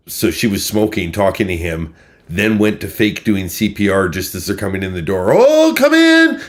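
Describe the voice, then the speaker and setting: A man hosting a true crime livestream, rambling in a wry, sarcastic way while drinking a little. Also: low voice. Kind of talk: casual live ramble commentary.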